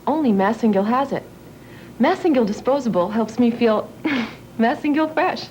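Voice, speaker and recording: Chipper, lively high-voiced actress as a commercial young woman. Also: normal speed, slight background noise, lightly acted, rough recording. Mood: chipper, reassuring. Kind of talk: chipper scripted TV commercial dialogue.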